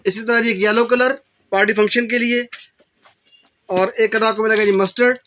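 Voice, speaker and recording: A male shopkeeper with a Pakistani accent, briskly listing handbag colors and prices for a shop video. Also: sits high, fairly even intonation, bright, forceful tone. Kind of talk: sales pitch for a shop video. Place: indoor bag shop.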